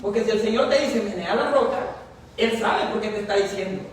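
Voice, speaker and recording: Very high-voiced fervent preacher man. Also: brisk, slight background noise. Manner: fervent, calls out to the congregation. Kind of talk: sermon. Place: church. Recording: echoey hall, mic far off.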